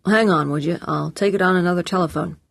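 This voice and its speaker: A woman's voice: lowish voice, fast, gravelly, no echo. A woman voicing a cool, guarded man who answers in clipped, polite phrases. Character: cool, guarded adult man under threat.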